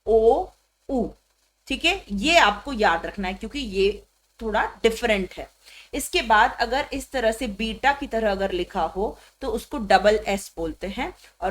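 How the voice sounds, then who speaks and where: A woman teaching a beginner language lesson, spelling out letters one by one in a slow, patient way. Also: mid-range voice.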